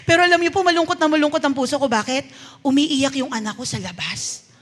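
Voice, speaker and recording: A woman's voice: high-pitched, quick pace. A middle-aged Filipino woman pastor preaching a sermon, telling a personal story and acting out the dialogue in it, switching between Tagalog and English.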